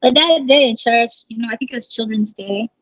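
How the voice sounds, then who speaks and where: A Nigerian singer in her thirties chats casually in an interview, relaxed and quick to laugh, her sentences softly trailing off. Her voice is on the high side, and the recording is dry with poor audio.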